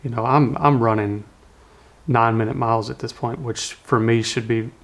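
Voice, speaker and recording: A man telling, in a documentary interview, how he struggled through an ultramarathon, earnest and halting with many restarts. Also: medium pitch, fairly even intonation. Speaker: ultramarathon runner telling his story.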